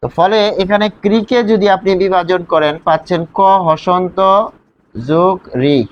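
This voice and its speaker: A man's voice: sits high, normal speed, highs cut off, a little hiss or hum. A man teaching a grammar lesson, explaining step by step and asking his students questions as he goes. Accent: Bangladeshi Bengali.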